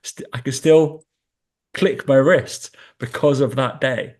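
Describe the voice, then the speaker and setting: A man's voice: medium pitch, steady tone, slow, a little mellow. A man co-hosting a casual podcast, telling jokey stories about himself. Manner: joking, storytelling. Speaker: podcast co-host. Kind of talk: casual chat.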